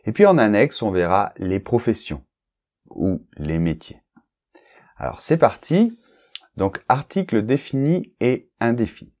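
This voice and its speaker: Slow, lively-voiced male French teacher. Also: on the low side. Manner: careful, checks understanding with frequent "ok?" and "d'accord?"; addresses the learner informally, one to one. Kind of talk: recorded grammar lesson.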